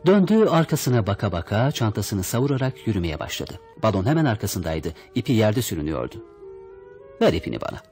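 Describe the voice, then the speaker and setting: A man's voice: fairly low pitch, sing-song, a little fast, hardly any pauses, darkish tone, faint music behind. A man reading a children's story aloud, expressively voicing the characters' lines. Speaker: audiobook reader. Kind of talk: storybook narration.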